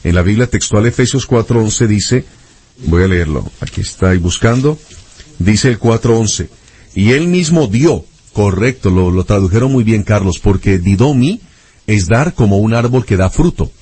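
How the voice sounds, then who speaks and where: Low husky man reading scripture. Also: moderate pace, a little mellow. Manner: methodical, reads verses aloud while searching references. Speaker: interviewer. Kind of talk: reading scripture aloud in conversation.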